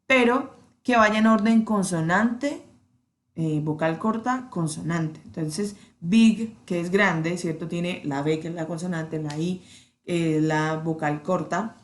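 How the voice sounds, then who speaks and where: A woman teaching an English grammar lesson, patiently checking in with her students and slowing down to spell out the examples. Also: on the low side. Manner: patient, checks in with "¿cierto?" often.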